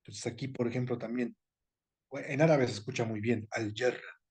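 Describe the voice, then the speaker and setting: A man gives a patient explanatory lecture at a middling pitch. He repeats points and corrects himself as he goes, checking in with his listeners. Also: a little fast, darkish tone, husky. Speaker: seminar lecturer on etymology. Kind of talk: explanatory online class.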